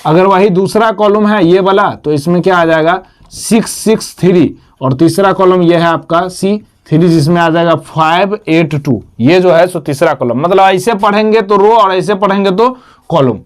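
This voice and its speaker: At a normal pace and with a voice that sits high, a man gives a math lesson. He's repetitive, going over each term and posing questions that he answers himself.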